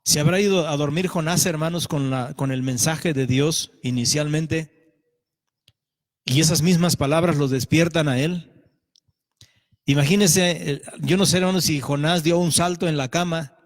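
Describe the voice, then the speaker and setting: A male pastor preaching a sermon, animated, acting out voices and questioning the congregation. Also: fairly high pitch, normal speed. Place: church sanctuary. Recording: church hall reverb.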